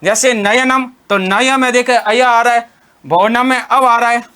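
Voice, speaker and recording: A young male teacher gives an exam-prep lesson on Sanskrit grammar, repeatedly asking his students questions and answering them himself, and calling listeners students and friends. His voice is extremely high, steady, unhurried, bright, forceful, clear and resonant.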